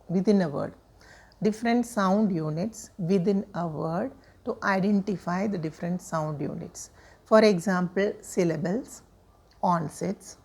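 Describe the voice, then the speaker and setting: A woman lectures teachers on how children learn to read. She explains each step in a measured, patient way, pausing on frequent fillers as she gathers her thoughts. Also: medium pitch, vocal fry, darkish tone. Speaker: teacher trainer.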